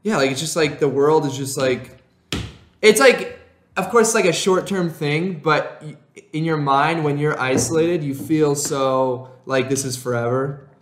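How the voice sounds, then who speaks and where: A man's voice: on the high side, a little slow. A young American man chatting casually as a podcast co-host, in a rambling, slangy way. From Illinois, United States. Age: young adult. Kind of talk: casual chat. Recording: roomy echo.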